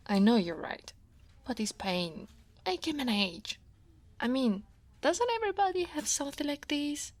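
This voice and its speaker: An Italian woman with an Italian accent and a slightly high voice plays a guarded, workaholic dragon woman, a senior coworker, in an ASMR roleplay. She speaks softly, often in a whisper, wry and self-deprecating, with sighs and soft laughs.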